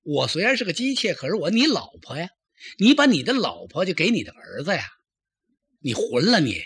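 A man's voice: on the high side, big pitch swings, a little fast, fairly bright tone, breathy edge, dry recording, studio quality, exaggerated voice. A man voicing a tearful, cunning young concubine who pleads and protests in a traditional storytelling performance. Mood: sobbing protest.

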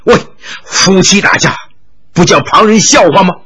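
Brief: coaxing, pushy middle-aged official, sly and insistent, voiced by a male narrator, bright tone. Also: sits high, moderate pace, breathy edge, full character voice. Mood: wheedling. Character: scheming middle-aged male official, wheedling then bullying.

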